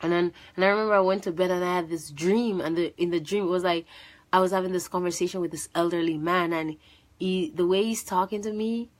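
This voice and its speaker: A woman tells her testimony in a somewhat low voice. She talks in a lively, storytelling way, leaping up in pitch to act out what she and others said. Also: a little fast. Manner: animated, acts out quoted voices with big pitch jumps.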